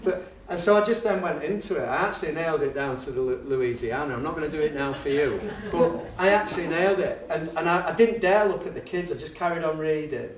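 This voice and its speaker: Talking fast with few pauses, a middle-aged man with a slightly high voice shares lively, self-mocking teaching anecdotes before a live audience, performing the voices of his characters. He's an educator and speaker, recorded from afar in an echoey room.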